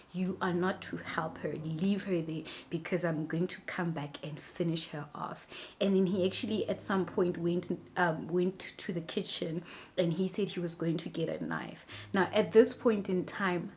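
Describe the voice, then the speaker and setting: A woman telling a personal story to camera in a halting way, repeating words and sinking to a hushed near-whisper at tense moments. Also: fairly low pitch, slight background noise. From South Africa. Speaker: YouTuber recounting a personal experience.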